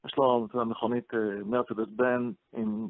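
Radio guest, male rabbi, dry close phone sound, rough gravelly voice, halting storyteller. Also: mid-range voice, big pitch swings, dry recording. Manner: hesitant, with frequent fillers and restarts. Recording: tinny phone-line radio audio.

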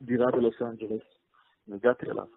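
A man's voice: mid-range voice, flat delivery, gravelly, husky. A man, a rabbi, telling a long story on a radio show, hesitant, with many fillers and restarts. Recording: tinny phone-line radio audio.

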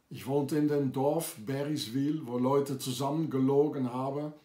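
Slow, insistent man in an echoey room. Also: on the high side, darkish tone. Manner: accusatory, insistent, with hesitations. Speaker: video maker. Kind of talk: ranting monologue to camera. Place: lives in France.

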